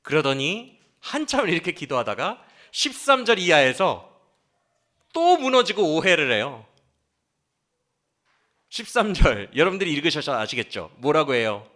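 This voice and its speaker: A male pastor preaching a sermon in church, animated and always asking the congregation questions. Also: normal speed, long pauses. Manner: acts out quoted pleas with sudden swings in pitch and loudness. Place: church sanctuary.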